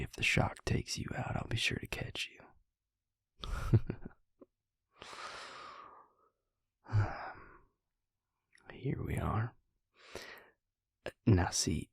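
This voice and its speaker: Here the gentle, protective vampire speaks in a lowish, gravelly, breathy voice, halting and softly teasing, poking fun at himself. It's a full character voice in studio quality with no room sound, and the mood is warm and playful.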